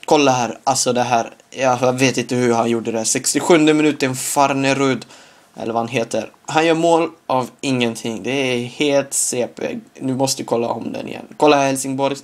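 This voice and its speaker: An excitable man giving loose, chatty commentary over his own gameplay. His voice sits at an ordinary middle pitch, but it shoots up into squeals and shouts whenever something big happens, and he often laughs at his own jokes. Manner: excitable, bursts into high-pitched yelps and shouts at big moments. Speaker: gaming video creator.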